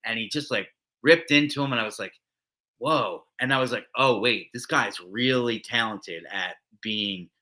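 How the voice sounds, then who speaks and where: A man's voice: mid-range voice, moderate pace, sharp tone. A man co-hosting a wrestling recap show, chatting casually and rambling with many fillers and restarts. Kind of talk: casual podcast chat.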